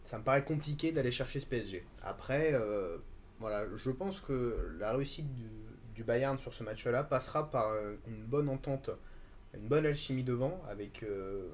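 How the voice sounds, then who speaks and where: A man's voice: medium pitch, moderate pace, slight background noise. A man answering as a football pundit on a live stream, hesitant with frequent fillers. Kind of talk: casual live-stream discussion.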